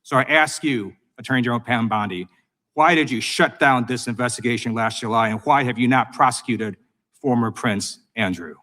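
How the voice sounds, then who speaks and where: Man, American accent, mid-pitched voice, prosecutorial, insistent, formal hearing questioning, accusatory. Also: brisk, pushed and bright. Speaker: congressman questioning a witness at a hearing. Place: government hearing room.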